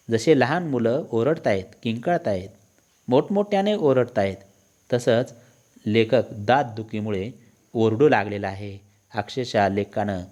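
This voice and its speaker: A man's voice: lowish voice, darkish tone. A male teacher explaining a lesson, restating phrases and defining words as he goes.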